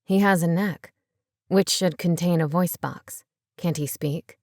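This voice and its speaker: Calm, mocking man voiced by a woman narrator, pitched down, dry recording. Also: a little slow, no room sound. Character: cool taunting man, a clone's rival.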